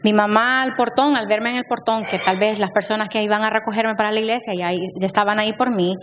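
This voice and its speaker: A young woman tells her personal testimony in a hesitant way, pausing often and filling the gaps. Her voice carries a long reverb from a church hall, with faint room ambience behind it. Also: mid-range voice, steady tone, a bit bright, slight background noise. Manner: hesitant, with many pauses and fillers.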